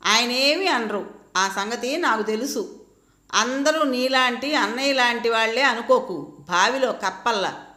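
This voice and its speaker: A woman voicing a hot-tempered grown daughter who talks in a rapid, indignant way, in an echoey room. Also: fairly high pitch, pushed and bright.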